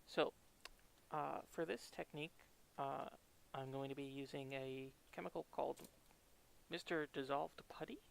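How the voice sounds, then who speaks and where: A man's voice: mid-range voice, fairly even intonation, measured pace, gravelly, pauses often, slight background noise. A man giving a casual hands-on tutorial as a stream host, his voice muffled through a respirator mask, talking informally and a bit hesitantly while he works.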